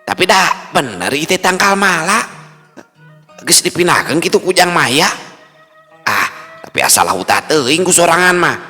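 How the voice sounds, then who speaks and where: A man's voice: fairly high pitch, big pitch swings, measured pace, pauses often, pushed and bright, pitched above the performer's own voice, full character voice. A man voicing a bewildered village man lost near a haunted tree, muttering to himself and chanting spells. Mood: confused. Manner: fretful, muttering to himself, then chanting incantations. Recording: long reverb with faint music.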